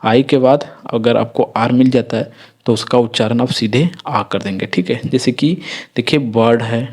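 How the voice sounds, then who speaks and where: A man teaching English pronunciation rules in a slow, repetitive classroom manner, checking in often with his students. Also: medium pitch, steady tone, a little mellow. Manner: repetitive, explains step by step with frequent "ठीक है". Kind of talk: Hindi-medium phonics lesson.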